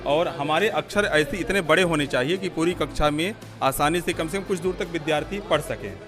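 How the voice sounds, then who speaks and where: A man's voice: on the high side, a little fast, over music. A man interviewing teachers at an outdoor teaching fair, asking probing questions and explaining points at length.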